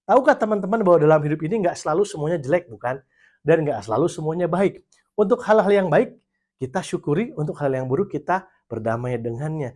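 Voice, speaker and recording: A man preaches to young listeners in a relaxed, conversational way. His voice sits a little on the high side, and he drops English phrases into his talk. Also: fairly quick. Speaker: youth pastor. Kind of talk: sermon.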